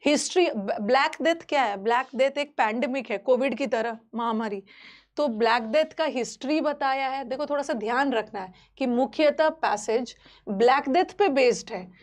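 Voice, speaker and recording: A woman's voice: high voice, moderate pace. A woman teaching a live online exam-prep class, explaining terms in a mix of Hindi and English and checking in with students often.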